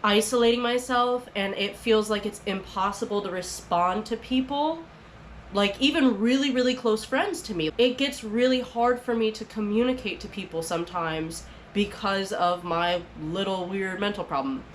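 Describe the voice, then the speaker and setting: A woman's voice: medium pitch, normal speed, slight background noise, rough recording. A young adult woman chatting to camera at home in a rambling, casual way, full of filler words. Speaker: vlogger.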